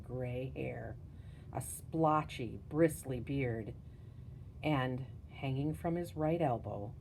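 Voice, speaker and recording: A woman narrating a spooky children's story in a measured, hushed storytelling manner. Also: extremely low pitch, slight background noise, poor audio. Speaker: audiobook narrator.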